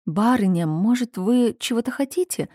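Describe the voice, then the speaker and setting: Lady voicing a sweet shy young maid, soft lifted voice, careful questions. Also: fairly high pitch, expressive, normal speed, no room sound, clean studio sound, voice pushed up. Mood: coaxing. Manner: gentle, hesitant questions. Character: kind timid young housemaid, eager to help.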